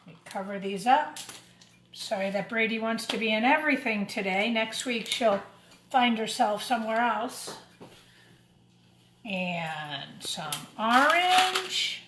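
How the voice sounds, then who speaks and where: Slowly and with lively intonation, a woman teacher narrates each step of an informal craft activity for young children as she works. Her pitch is fairly high, and the recording carries a roomy echo plus clear background noise and clatter.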